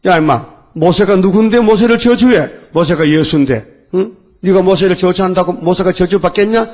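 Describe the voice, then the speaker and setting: A man's voice: high voice, a little fast, a little mellow, natural voice. A male preacher voicing God, who bluntly scolds a prophet during a sermon. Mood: scolding.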